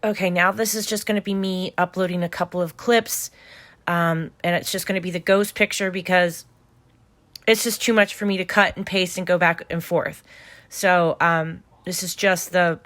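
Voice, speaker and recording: A woman hosting a spirit box session, talking casually in a gentle, chatty, coaxing way as she asks questions. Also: lowish voice, fairly even intonation, moderate pace.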